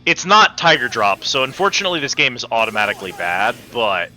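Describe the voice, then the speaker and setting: A man commentates casually on a video game he is playing, with a very bright, forceful edge to his voice. He talks in slangy, profane, joking bursts. Faint game music runs behind him. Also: mid-range voice, sing-song, fast talker, poor audio. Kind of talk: casual let's-play commentary.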